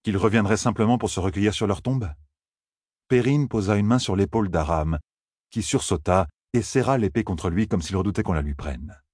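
A man reading an audiobook aloud in an expressive storytelling manner. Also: on the low side, a little fast, breathy edge, no room sound, clean studio sound. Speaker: audiobook narrator. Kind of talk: scripted narration.

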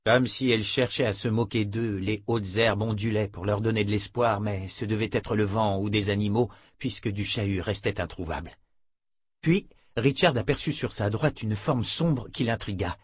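A man narrates a fantasy audiobook in a steady, measured way. His voice sits low. The sound is dry and close to the mic. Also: husky, no room sound. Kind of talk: scripted narration.

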